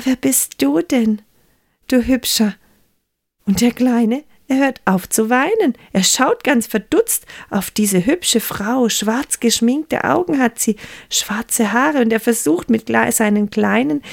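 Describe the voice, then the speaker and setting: Expressive woman telling a children's Bible story. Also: on the high side, vocal fry. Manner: expressive, slowed for suspense.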